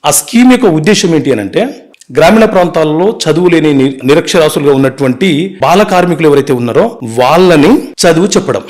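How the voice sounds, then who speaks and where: A man, an advocate telling his life story in an interview, earnest and brisk, mixing in English words. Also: on the high side, expressive, darkish tone.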